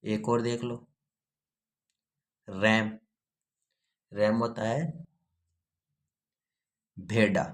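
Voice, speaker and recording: Slow, low-voiced male teacher. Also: steady tone. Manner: spells words letter by letter and asks the class. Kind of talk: grammar lesson.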